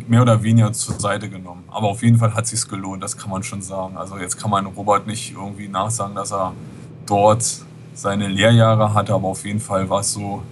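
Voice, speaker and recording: A man, a podcast guest talking casually and rambling with many fillers over a Skype call. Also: fairly low pitch. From West Berlin. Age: 40s. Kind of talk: casual interview. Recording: noisy Skype line.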